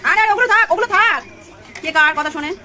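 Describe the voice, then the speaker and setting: A woman's voice: very high voice, quick pace, bright, forceful tone, a little hiss or hum. A woman at home playfully coaxing her toddler in sing-song baby talk. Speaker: mother playing with her toddler.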